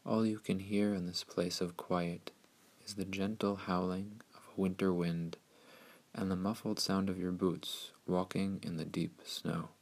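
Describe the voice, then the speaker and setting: Low voiced guy doing guided meditation, really slow and even, soothing n hushed. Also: gravelly. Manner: soothing, hushed, unhurried delivery with long pauses.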